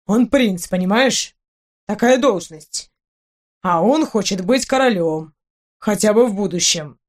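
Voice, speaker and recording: A woman voicing a blunt young male wizard companion in a spoken storybook, talking low and brusquely. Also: animated, measured pace. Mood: calm explaining.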